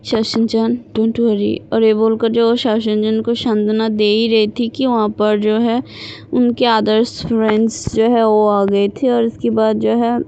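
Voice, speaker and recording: Gravelly, mellow woman storyteller. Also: on the high side, highs cut off. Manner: loose retelling with many fillers. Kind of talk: casual fan-fiction story narration.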